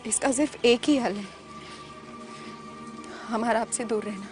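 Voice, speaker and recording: A young actress playing a frightened tutor haunted by a spirit in a horror drama, speaking earnestly and formally. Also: female voice, a little high, measured pace, over music, close to an everyday voice. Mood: troubled.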